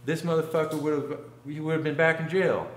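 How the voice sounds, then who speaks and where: A man's voice: fairly high pitch, fairly even intonation, normal speed, reverberant, pitched above the performer's own voice, close to an everyday voice. A man voicing a tough, hot-tempered young Southern woman with a Southern accent. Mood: boastful.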